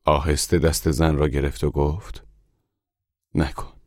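A man narrating a literary short story in a slow, measured way, at times hushed. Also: very deep voice, no echo, studio quality.

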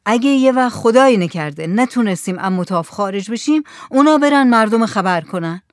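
A level-headed male boat captain, read aloud by an audiobook narrator gives clear orders to his crew. His voice sits at a middle pitch and sounds close and dry, without room echo. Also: lively intonation, natural voice. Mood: steady.

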